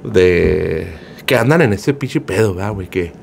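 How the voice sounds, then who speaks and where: A man's voice: low-pitched, lively intonation, measured pace, vocal fry, slight background noise. A man, casually retelling a viral video as gossip, slangy and profane, with a filler word after nearly every phrase. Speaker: gossip storyteller.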